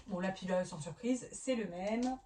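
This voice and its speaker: A woman's voice: mid-range voice, moderate pace. A woman in her thirties chatting casually as she unboxes a haul for her family vlog, exclaiming and restarting often. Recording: mic at a distance with clear background noise.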